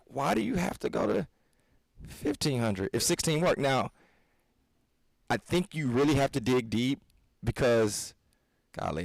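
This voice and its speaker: On a laid-back fitness podcast, a co-host and coach in his thirties speaks with earnest preachiness, rambling and backing up to restart. His medium-pitched voice carries vocal fry, and there's no echo.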